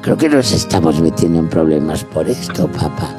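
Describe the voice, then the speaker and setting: A man's voice: a bass voice, animated, normal speed. A man hosting improvised comedy banter, speaking like a mock-solemn priest hearing confession. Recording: music playing behind the voice. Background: background music.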